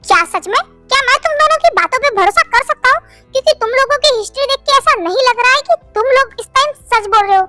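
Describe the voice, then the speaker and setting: A woman lowers her voice to play a firm middle-aged dad in a fan-dub story, doubting and stern yet calming. The voice stays bright and close over faint music. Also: quick pace, no room sound, heavily acted. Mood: suspicious. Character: stern but kind middle-aged father.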